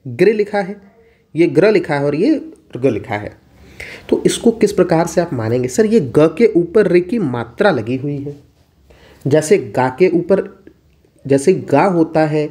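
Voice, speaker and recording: Male tutor, warm low tone, patient exam-prep explainer who talks to himself in questions. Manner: asks and answers his own questions. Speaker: teacher. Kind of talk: exam-prep Hindi lesson.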